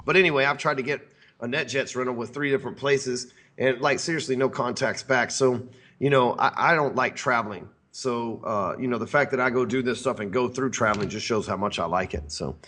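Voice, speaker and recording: A man hosts a sales podcast, rambling in a brash, profane, casual way. His mid-range voice is a bit bright and fairly quick.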